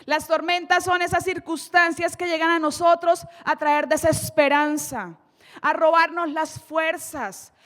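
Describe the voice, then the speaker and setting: A Colombian-accented woman preacher, her voice very high-pitched and a little bright, delivers an emphatic sermon in a church with a large-hall sound. She tells scripture stories dramatically, slowing for the key lines.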